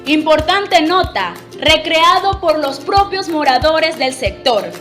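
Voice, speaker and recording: Presenter, woman, high voice, crisp scripted links, faint music. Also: animated, takes it slowly. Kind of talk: scripted announcement.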